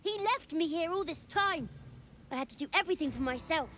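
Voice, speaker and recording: A woman's voice: extremely high pitch, expressive, a little fast, a bit bright, a little hiss or hum. A woman voicing a lonely, defiant shadow child in a video game, speaking in a petulant, childish way. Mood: hurt.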